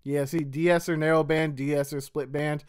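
Chill producer dude explaining his mix, kinda high voice, slangy and relaxed. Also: normal speed. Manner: laid-back, slangy, talks through steps on screen. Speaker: music producer. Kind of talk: casual tutorial walkthrough.

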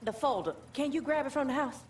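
In a video game cutscene, a woman with an American accent plays a bold, cocky young rebel driver, brash and swaggering amid cocky banter. Her voice sits high, expressive and fairly quick. The game audio sounds distant, with music and a little hiss or hum.

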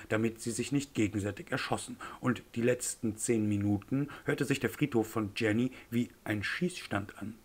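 A man narrating an audiobook in a measured storytelling delivery. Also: lowish voice.

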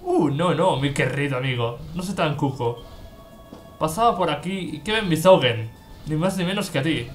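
A man's voice: fairly high pitch, animated, moderate pace, faint music behind, close to an everyday voice. A man voicing a scheming male military officer in a video game with a put-on German accent, sly and drawn out.

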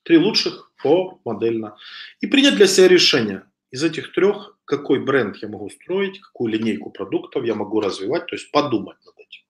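A man in his thirties gives a webcam lecture over slides from a home room with wooden shelves, working as an online business instructor. His medium-pitched voice swings widely at a normal speed, and he talks casually, often hesitating and restarting, with a slight cough from a cold. The webcam captures an echoey room.

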